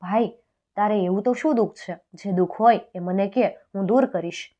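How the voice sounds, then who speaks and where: Woman voicing a gentle kind king. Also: medium pitch, brisk, muffled recording, lightly acted. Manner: soft and caring.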